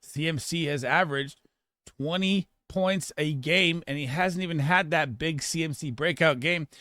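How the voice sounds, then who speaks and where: Guy breaking down fantasy football picks, emphatic and rapid, dry close sound. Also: a little high, bright, forceful tone, no room sound. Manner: emphatic, rapid, with filler restarts. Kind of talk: casual analysis monologue.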